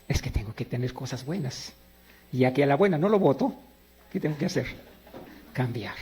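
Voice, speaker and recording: Speaking at normal speed in a mid-range voice, a middle-aged Peruvian preacher delivers a lively sermon full of his own anecdotes. He asks the audience questions and then answers them himself.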